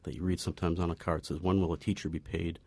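A man in his forties answering radio interview questions in a halting, hesitant way with frequent restarts. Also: sits low, little pitch movement, a little mellow, no room sound. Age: 40s. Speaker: interview guest, unemployed chemist.

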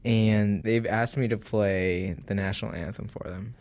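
A young man of about eighteen with a fairly low voice. He talks casually and personally, as a student in a documentary would. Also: fairly even intonation, unhurried, a little mellow. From Indiana, USA. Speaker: college music student in a documentary.

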